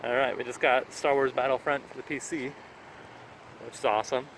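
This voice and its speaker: A man with a mid-range, slightly bright voice speaks briskly in a level tone. He's a video game collecting vlogger chatting casually while out and about around shops and a mall, often checking in with a companion, in a noisy on-location recording full of traffic and ambience.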